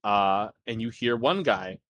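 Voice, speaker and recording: A man's voice: on the low side, expressive, measured pace, a bit bright, highs cut off. A man running a tabletop game as game master, narrating crudely and laughing often.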